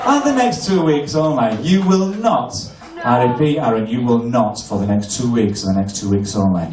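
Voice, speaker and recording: A man performing a live comedy hypnosis show on stage, mixing crude, cheeky banter with slow hypnotic patter. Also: medium pitch, expressive. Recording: echoey venue from far off, loud crowd. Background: laughing audience.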